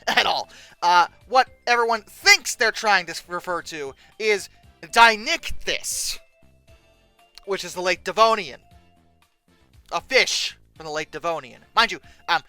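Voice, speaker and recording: With a bright, pushed, medium-pitched voice and no echo in the recording, this paleontology commentary host mocks what she reads aloud. The tone is sarcastic and fed-up, full of staged outrage for comic effect.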